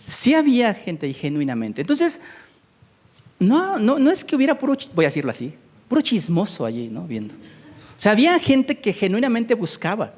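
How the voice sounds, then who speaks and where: Lively high-voiced man preaching in a hall. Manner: expressive, repeats words and restarts while searching for them; reads scripture aloud then explains it to the congregation. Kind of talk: sermon. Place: church hall. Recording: long hall reverb.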